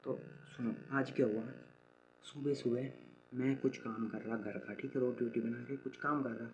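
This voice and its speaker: A man's voice: medium pitch, fairly even intonation, moderate pace, darkish tone. A young man venting in a personal vlog, frustrated and hurt, talking through his troubles with lots of fillers and restarts. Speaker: vlogger. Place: rural home with farm. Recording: slightly dull lo-fi audio with faint ambient noise.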